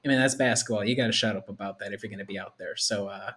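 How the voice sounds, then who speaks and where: A man's voice: fairly low pitch, fairly even intonation, rapid-fire, a bit bright, slight background noise. A man chatting casually about sport as a podcast panelist, slangy and opinionated.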